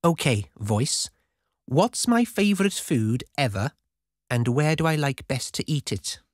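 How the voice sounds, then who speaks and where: A narrator voicing a young woman, a curious orphan rock star, in a skeptical, questioning way with lively intonation. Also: mid-range voice, measured pace, no room sound, studio quality.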